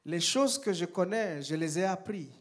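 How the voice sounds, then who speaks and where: A man's voice: high voice, moderate pace. A man giving live interpretation of a sermon, echoing the preacher phrase by phrase.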